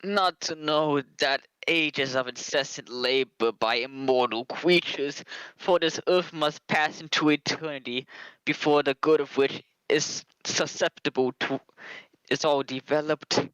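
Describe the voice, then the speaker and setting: A man voicing the mournful ghost of a dead old miser, speaking slowly and gravely in an amateur dramatic reading. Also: a little high, a bit bright, dry recording, poor audio. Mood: lamenting. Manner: slow, grave, lamenting delivery.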